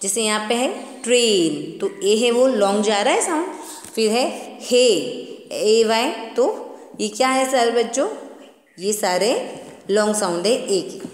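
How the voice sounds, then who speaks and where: A woman with an Indian accent, a kindergarten teacher, explains a phonics lesson to young children in Hindi and reads English lines aloud slowly. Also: medium pitch, lively intonation. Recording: echoey room with long reverb.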